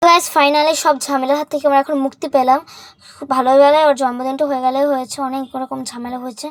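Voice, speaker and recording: A woman's voice: high-pitched, fairly even intonation, no echo. A woman vlogger narrating a doll role-play and chatting to her viewers. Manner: fast, chatty, addresses viewers as guys.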